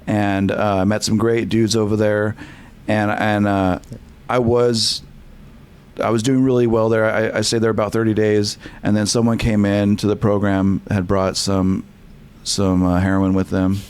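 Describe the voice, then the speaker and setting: A man's voice: on the low side, level tone, unhurried, a little mellow, clean tone. A young man, a podcast guest from California, telling his story candidly with many restarts and fillers.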